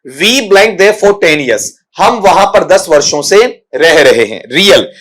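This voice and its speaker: A middle-aged male teacher giving an exam-prep grammar lesson, with a slightly raised voice. He explains step by step, calls his students "beta," and slows down to spell out English words sound by sound. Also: a little high. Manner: mixes English grammar terms into his talk.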